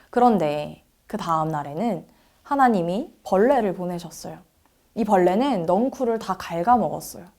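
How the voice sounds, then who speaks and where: A woman preacher telling a Bible story to children in a church service, asking them questions and acting out the characters' lines. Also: medium pitch. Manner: asks the children questions, acts out quoted lines.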